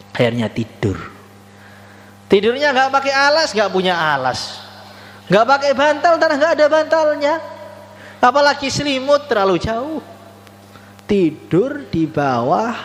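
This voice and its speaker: Animated male preacher, echoey hall. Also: a little high. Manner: animated storytelling, voices characters, playful asides to audience. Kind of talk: storytelling sermon. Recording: echoey hall with faint hum.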